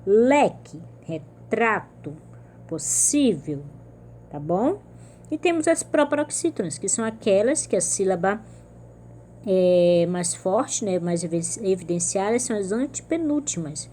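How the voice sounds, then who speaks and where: A woman's voice: medium pitch, animated, moderate pace, dark tone, slight background noise. A woman teacher with a Brazilian Portuguese accent, giving a recorded remote lesson to young pupils and patiently explaining step by step. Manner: patient, explains step by step, stresses syllables in example words. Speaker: primary school teacher.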